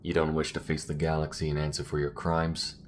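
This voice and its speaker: A man voices a weary, principled space rebel in a sci-fi audio drama, his low-pitched delivery brisk yet completely flat. He speaks earnestly and emphatically, sounding defiant and firm, with a slight hiss or hum in the audio.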